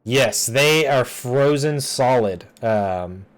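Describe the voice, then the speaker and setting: A man narrating a tabletop game as game master, unhurried and loose, often pausing with ums and uhs. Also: mid-range voice, lively intonation.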